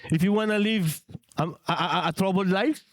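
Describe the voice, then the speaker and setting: A pastor delivers a bilingual sermon, often turning to the congregation with questions. His voice sits high for a man. The sound is dry, with little room echo. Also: moderate pace.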